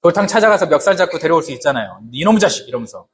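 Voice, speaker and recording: A man's voice: on the high side, very animated, very fast, a little hiss or hum. A man preaching a sermon to his congregation in a conversational way, often asking them questions and adding humorous asides. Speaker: pastor.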